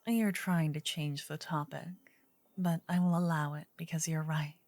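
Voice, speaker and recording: A woman playing a gentle, earnest druid in an ASMR role-play, her soft female voice slipping between breathy soft voice and low murmur. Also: fairly even intonation, no echo. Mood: wistful, earnest. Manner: slow, gentle, intimate female voice with pauses. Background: soft medieval ambience and music.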